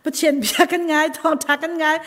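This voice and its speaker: A woman's voice: high voice, quick pace, fairly bright tone, big-room sound. A woman preacher giving a live church sermon with an emphatic delivery that rises and falls. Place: church hall.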